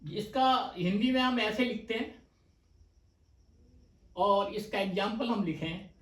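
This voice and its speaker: A man gives a shorthand lesson in a slow, patient way, stretching out sounds and repeating examples. His voice sits high. It comes through roomy and echoing, a little far from the mic. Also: fairly bright tone. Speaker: stenography teacher. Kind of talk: slow explanatory lecture. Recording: echoey room, voice off-mic.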